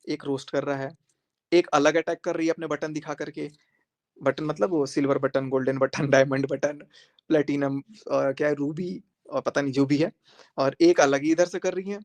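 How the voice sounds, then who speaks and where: A social media creator with a slightly high, darkish voice speaks to viewers on a live stream. He's emphatic and confrontational, repeating his points for emphasis.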